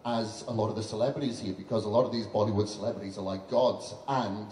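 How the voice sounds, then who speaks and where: A man's voice: lowish voice, steady tone, fast talker, darkish tone. A man in his thirties, a fitness trainer, giving an earnest, chatty on-stage speech at a launch event into a handheld mic, with lots of "you know" fillers. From Western country. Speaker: fitness trainer and guest speaker. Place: large event hall on stage. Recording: roomy hall echo with faint background noise.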